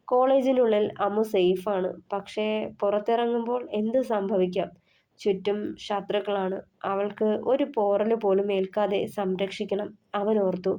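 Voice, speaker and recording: A woman narrating an audio novel in a steady storytelling manner. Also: mid-range voice, muffled recording.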